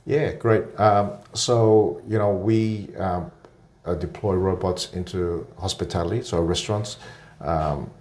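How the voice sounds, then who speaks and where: A man's voice: sits low, steady tone, unhurried, a little mellow, slight background noise. A man speaking as a guest on a casual interview podcast, explaining things steadily with frequent filler sounds.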